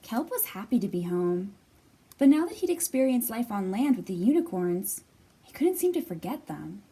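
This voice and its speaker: A woman hosting a children's storytime, reading aloud and leading action rhymes with expressive, simple phrasing for little listeners. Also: medium pitch, moderate pace. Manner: expressive, simple instructions addressed to small children. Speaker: children's librarian and storytime host. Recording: distant microphone.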